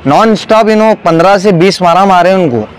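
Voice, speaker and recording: Hyderabadi man, high voice, earnest eyewitness in a street interview. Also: fairly quick, a crowd in the background. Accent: Hyderabadi Hindustani. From Hyderabad, India. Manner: earnest, pleading.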